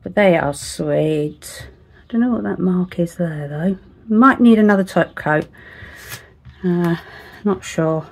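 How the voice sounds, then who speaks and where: Her pitch sits fairly low, and she takes her time, pausing often. It's casual commentary from a woman doing resin crafts at home, musing aloud with chatty, self-mocking remarks that sometimes fall to a whisper.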